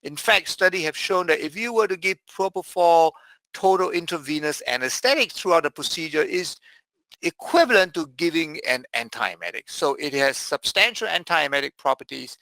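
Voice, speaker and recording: Bright-voiced man giving a medical lecture. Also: a little high, lively intonation, gravelly, no echo, rough recording. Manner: measured, with frequent "uh" fillers. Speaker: anesthesiologist lecturer. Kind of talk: medical presentation.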